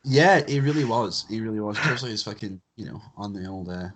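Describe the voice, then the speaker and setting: Joking young man hosting, low voice. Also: lively intonation, fast talker, background noise. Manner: joking, swears freely. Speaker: podcast host. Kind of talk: casual podcast chat.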